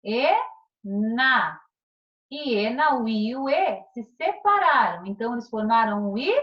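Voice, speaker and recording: A very animated woman with a slightly high voice and a Brazilian Portuguese accent teaches primary pupils in a recorded remote class. Encouraging throughout, she draws out syllables and often checks in with "tá?", and the audio is lo-fi.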